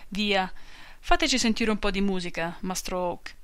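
Give me a woman playing a flattering, soothing farm worker. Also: mid-range voice, moderate pace, clean tone, no echo, lightly acted. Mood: placating. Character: jovial placating farm worker, man.

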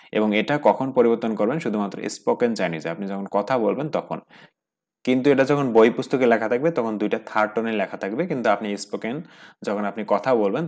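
A man's voice: lowish voice, a little mellow. A young man from Bangladesh teaching a Chinese lesson, explaining each point step by step and asking questions he then answers himself.

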